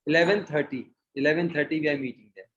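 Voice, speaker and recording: Male, Indian accent, fairly high-pitched, fast informal group-session speaker, muffled online call. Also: a little hiss or hum. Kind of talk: informal group discussion, mixing Hindi and English. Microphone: video call.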